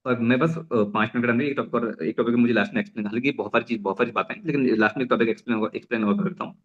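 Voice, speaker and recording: A young man delivers a rapid, energetic business training talk at a middle pitch. He restarts phrases often and slips English into his Hindi. The recording sounds a little muffled. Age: young adult. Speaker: network marketing trainer.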